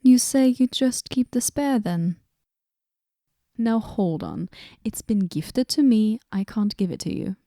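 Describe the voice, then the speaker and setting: A woman voices a moody, aloof, sardonic goddess in a whispered role-play, speaking slowly in a dark, mellow, medium-pitched tone. She's deadpan and sarcastic, drifting into soft whispers, recorded close and dry with no echo.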